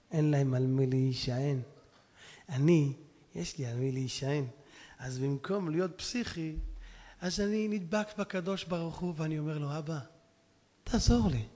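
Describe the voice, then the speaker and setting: A man preaching a storytelling sermon, swinging between hushed tones and loud shouting. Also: fairly high pitch, long pauses. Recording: long hall reverb.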